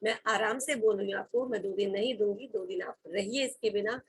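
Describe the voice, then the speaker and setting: A woman's voice: medium pitch, brisk, husky, low-quality recording. A woman with an Indian accent teaching a college vocabulary class, speaking firmly and spelling words out letter by letter. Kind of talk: classroom lesson mixing Hindi and English.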